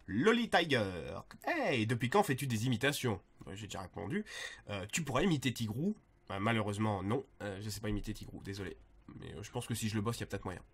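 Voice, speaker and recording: A man's voice: on the low side, lively intonation, fast, husky. Young man answering fan questions casually. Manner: joking, offhand, slangy. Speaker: impressionist video creator.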